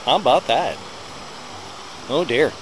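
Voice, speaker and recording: Walking through a small town beside a busy road, a middle-aged American man speaks slowly at a medium pitch for his casual vlog. His narration is chatty, wandering and self-deprecating, recorded outdoors on a handheld recorder close to his mouth, with loud traffic in the background.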